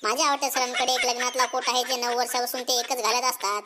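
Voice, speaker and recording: A man voices a bold, cheeky cartoon schoolboy in a very high, level-toned voice, talking fast over background noise. The character has a rural Marathi accent and a blunt, folksy style, delivering comic cartoon dialogue and mock school speech in a mock-formal, cheeky mood.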